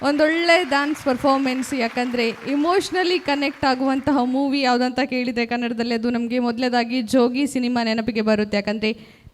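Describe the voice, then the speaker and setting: A woman hosting a dance competition show, speaking smoothly and with enthusiasm. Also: high-pitched, steady tone, normal speed, heavy background noise. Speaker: show host.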